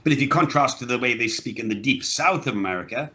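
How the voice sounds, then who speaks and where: A teacher on a video call drills his students on pronunciation, correcting them firmly and tossing in opinionated asides. His voice is bright and forceful. The call audio is slightly dull and muffled. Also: mid-range voice, fast. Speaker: English teacher. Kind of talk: online English lesson.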